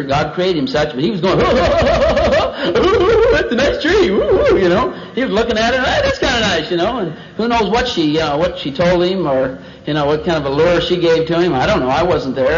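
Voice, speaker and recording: A man's voice: on the high side, background noise. A man teaching a Bible passage in a folksy sermon, chatty, with joking asides. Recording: dull lo-fi recording.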